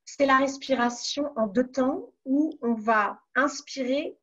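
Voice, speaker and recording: A woman from France giving calm advice as a webinar coach, pausing on fillers and restarting her phrases. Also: high voice, slightly rough, dull audio. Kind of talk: online webinar talk.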